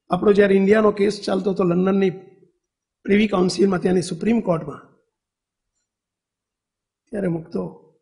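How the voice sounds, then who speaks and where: A man's voice: high voice, creaky, mellow. A man with a Gujarati accent giving a devotional sermon, telling stories and asking the audience questions. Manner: storytelling, asks the audience questions. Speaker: preacher.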